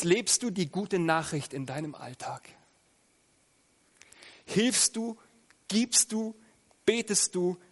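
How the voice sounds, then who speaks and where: Male preacher, slightly high voice, questioning and emphatic, long church-hall reverb. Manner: asks the listeners many direct questions; swells loud on key phrases, drops soft in prayer. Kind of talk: sermon with prayer.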